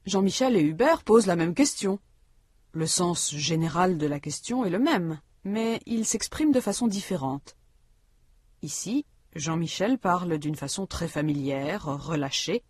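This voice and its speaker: Calm woman narrating a pronunciation lesson. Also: lowish voice, measured pace, breathy edge, no room sound. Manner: calm, explanatory teacher delivery. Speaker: language-course narrator. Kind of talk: scripted instructional narration.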